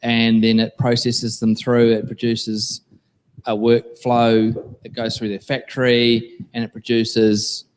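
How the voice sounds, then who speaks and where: New Zealand-accented man, mid-pitched, earnest guest, stumbles over repeated words. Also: monotone, takes it slowly, clean tone. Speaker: guest business owner. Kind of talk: explaining a product.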